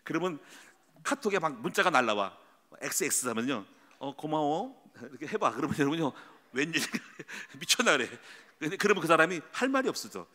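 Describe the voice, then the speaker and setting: Lively pastor preaching in a reverberant hall. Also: male voice, fairly high pitch, brisk. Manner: lively storytelling, acts out quoted voices. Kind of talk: sermon. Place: church sanctuary.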